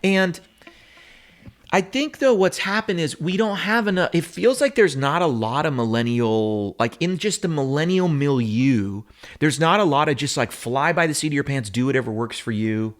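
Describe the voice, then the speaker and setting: A man's voice: on the high side, moderate pace. A man in his thirties hosting a guitar gear channel, rambling and opinionated in a casual monologue full of fillers and restarts. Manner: animated, opinionated, with frequent fillers and self-corrections. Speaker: guitar gear video host.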